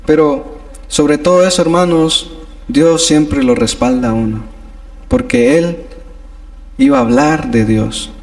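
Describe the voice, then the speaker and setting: A man's voice: a little high, slow pace, pauses often. A man leading a Sunday Bible study in a church, teaching earnestly and often addressing his listeners as brothers. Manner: earnest, repeats "hermanos" often.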